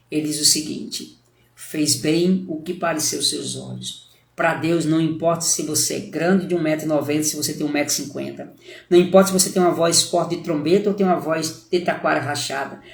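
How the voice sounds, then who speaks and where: A man's voice: fairly high pitch, roomy sound. A man with a Brazilian Portuguese accent, a pastor preaching a sermon on a live stream, telling a story with acted-out dialogue and exhorting his listeners.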